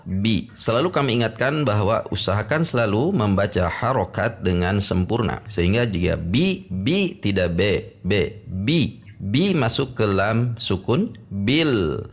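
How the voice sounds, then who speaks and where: Patient man teaching recitation slowly. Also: on the low side, animated. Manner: patient, demonstrates each syllable slowly and repeats it. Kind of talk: step-by-step recitation lesson.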